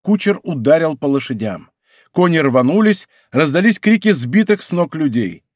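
Guy narrating an audiobook, very lively voice, a bit high, dry close sound. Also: moderate pace, no room sound.

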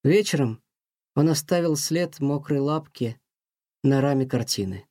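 A man calmly narrating a magical children's story. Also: a little high, no echo, studio quality. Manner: calm, measured storytelling. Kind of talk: scripted narration of a children's tale.

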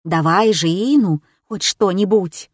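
A woman's voice: medium pitch, a little slow, no echo, clean studio sound, close to an everyday voice. Male helper spirit, boastful and cheeky, urgent under pressure; read by a woman narrator, audiobook. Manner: urgent, pleading. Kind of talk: audiobook character voice.

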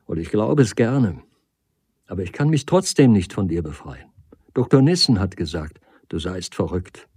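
A man's voice: sits low, animated, moderate pace, darkish tone, breathy edge, dry recording. A man reading the part of a desperate woman who weeps, pleads and reproaches her lover. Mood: pleading. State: crying.

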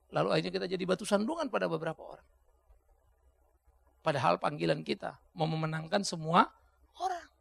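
A male pastor preaching a topical sermon in a colloquial, animated way, breaking into sudden emphatic shouts. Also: sits high, vocal fry, dry recording.

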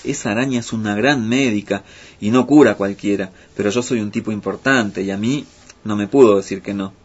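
A man's voice: on the low side, a little fast, a little mellow, husky. A man voicing a boastful, cheeky male fox who brags and talks back. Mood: bragging. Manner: brash, bragging. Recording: muffled with faint music.

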